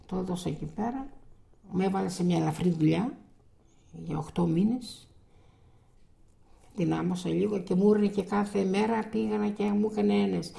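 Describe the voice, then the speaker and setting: An older woman telling a life story in a halting, rambling way, full of restarts and quoted dialogue. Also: lowish voice, dark tone. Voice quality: gravelly. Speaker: interviewee. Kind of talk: oral history recollection.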